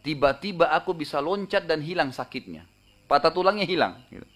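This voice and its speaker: Fast-talking male preacher telling a story. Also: on the high side. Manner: animated retelling, frequent tag questions, voices the quoted people. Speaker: Islamic preacher. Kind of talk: storytelling religious lecture.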